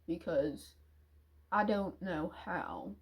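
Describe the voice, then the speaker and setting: This woman's YouTube confessional comes out husky and drawn-out, halting and full of feeling. She sighs, restarts frequently, and occasionally drops to a low, quiet mumble.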